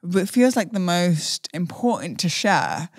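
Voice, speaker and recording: A woman's voice: lowish voice, big pitch swings, unhurried, dry recording, clean studio sound. A woman hosting a podcast, speaking in an earnest, flowing way with spiritual wording and bits of casual slang. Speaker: podcast host. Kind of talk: heartfelt spiritual podcast introduction and chat.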